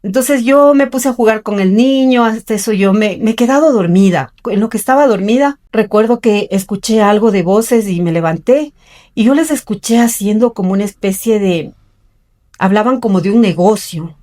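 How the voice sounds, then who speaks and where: A middle-aged woman tells her own story in an interview. Her voice sits at an ordinary middle pitch, and she speaks in an earnest, personal way. She often acts out the voices of the people she remembers. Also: moderate pace, dark tone.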